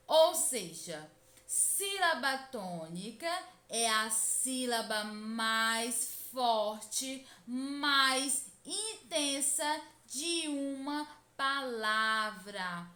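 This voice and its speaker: A woman, teaching a lesson to children, speaking deliberately, repeating instructions and stretching words out. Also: high voice, sharp tone, roomy sound.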